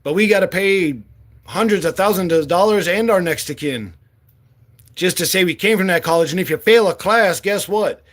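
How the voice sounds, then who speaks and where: A man in his late forties running for office gives a fiery, profane, no-holds-barred monologue. His voice is high-pitched and a bit bright, moving at a normal speed.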